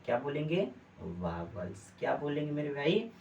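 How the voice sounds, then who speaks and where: A man's voice: fairly high pitch, very animated, normal speed, vocal fry, darkish tone, dull audio. Male teacher, classroom lesson, quizzes students over and over, distant mic with faint hiss. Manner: asks students repeated check questions.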